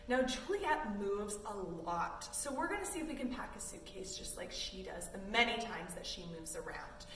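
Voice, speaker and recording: Speaking at a normal speed in a medium-pitched, animated voice with a fairly bright tone, a Canadian woman guides kids through yoga and a story. Her manner is encouraging and instructive, her phrasing simple. The recording sounds roomy and distant, with faint noise.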